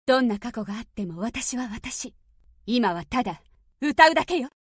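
Recorded in studio quality with no echo, a woman voices a confident, mysterious young diva for anime-style device prompts. Her slightly high, animated voice at normal speed sounds cool and self-assured, commanding and teasing.

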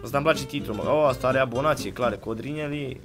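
A man doing casual reaction commentary on fan videos, loud, crude and mocking, swearing constantly. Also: medium pitch, over loud music.

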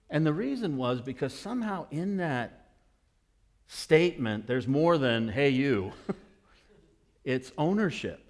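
A middle-aged man preaching a sermon as pastor, telling a story and now and then bursting into excited shouts. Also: medium pitch. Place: church sanctuary.

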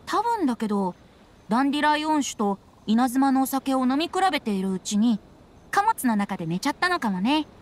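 A woman voices a playful, carefree young male bard in a Japanese anime game, her high voice very animated and brisk. Her delivery is breezy, teasing, and theatrical, with background music behind her.

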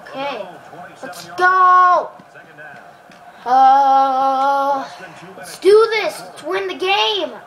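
A woman giving excitable live commentary while playing a football video game, cheering and groaning at the plays and chatting to viewers. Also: high-pitched, extremely slow, long pauses, low-quality recording.

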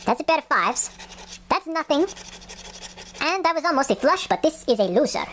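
Female host, high voice, put-on Russian accent, casual play-by-play, light scratching noise in a home recording. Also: very animated, moderate pace, fairly bright tone. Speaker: host of scratch ticket videos. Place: indoors at a wooden table. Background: scratching of lottery tickets.

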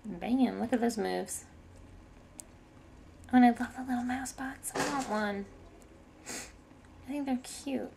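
A woman rambles chattily over her gameplay, now and then dropping to a murmur. Her voice sits high with a gravelly fry. Faint game ambience hums behind. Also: measured pace, pauses often, background noise. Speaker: gaming video host. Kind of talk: casual gameplay commentary.

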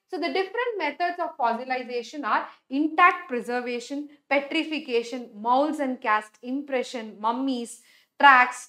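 A woman's voice: sits high, a bit bright. A young woman with a South Indian Tamil accent, a native Tamil speaker, teaching a biology lesson emphatically, repeating key words and checking in with short questions. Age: young adult. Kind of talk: animated classroom lecture, reading and explaining slides. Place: indoor teaching studio with a display board. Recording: echoey room sound.

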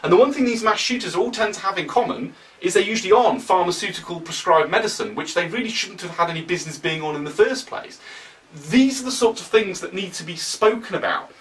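A young man with a British accent giving animated, opinionated commentary to camera, often sarcastic. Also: sits high, fast, distant mic, rough recording. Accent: British English. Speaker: political vlogger.

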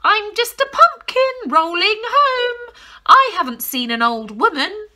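Woman doing a squeaky crafty old granny. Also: very animated, slow pace, pushed and bright, full character voice. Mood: sing-song. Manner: high squeaky sing-song old-lady voice. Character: crafty little old grandmother, cheeky.

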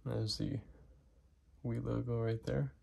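A man chatting casually through an unboxing vlog, thinking aloud with relaxed fillers. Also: mid-range voice, takes it slowly, gravelly. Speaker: knife and gear reviewer.

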